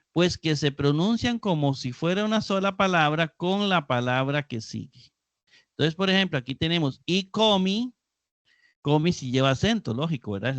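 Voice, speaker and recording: Slow, patient male Greek teacher. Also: on the high side, fairly bright tone, no echo. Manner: patient, explains slowly and repeats key words. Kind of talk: live online class lecture.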